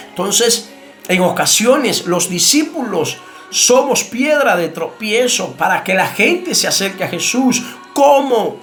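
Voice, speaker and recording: A man preaches an impassioned sermon, his voice pitched high with a gravelly edge. He piles up rhetorical questions and repeated calls. Soft music plays faintly beneath him.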